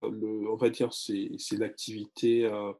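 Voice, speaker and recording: A man's voice: lowish voice, monotone, unhurried, dark tone. A man in his forties, a literary blogger talking casually as an interview guest, hesitant with many fillers and restarts. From France and Congo-Brazzaville.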